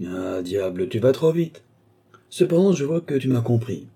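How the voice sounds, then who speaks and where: Wily old noble marshal, read by a man: dark husky tone, scheming, sharp exclamatory jumps. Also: medium pitch, sing-song, moderate pace. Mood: musing. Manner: exclamatory, mocking, rising to sharp outbursts. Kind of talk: audiobook reading of a classic novel.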